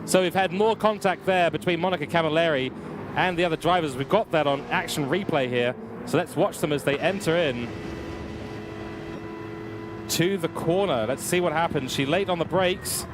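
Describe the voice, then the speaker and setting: A young man giving live commentary on a simulated car race, energetic and building excitement, his voice getting worn. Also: a little high, normal speed, noisy background. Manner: energetic, rising with excitement at incidents. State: losing his voice. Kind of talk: live sim racing commentary.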